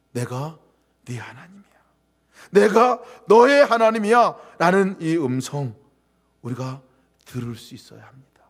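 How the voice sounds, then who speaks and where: A middle-aged male pastor from Korea preaching a sermon, moving from quiet storytelling to raised emphatic passages and dropping to a whisper for quoted words. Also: high-pitched.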